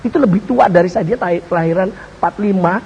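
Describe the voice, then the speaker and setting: A man's voice: high voice, fast, creaky, darkish tone, dull audio, a little hiss or hum. An older man preaching, telling a joking family story and often addressing the congregation directly. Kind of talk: humorous storytelling sermon.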